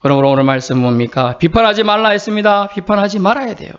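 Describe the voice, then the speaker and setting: A male pastor preaching a sermon in an earnest, conversational way, sometimes acting out quotes in a high voice. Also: fast, clear, resonant tone, highs cut off.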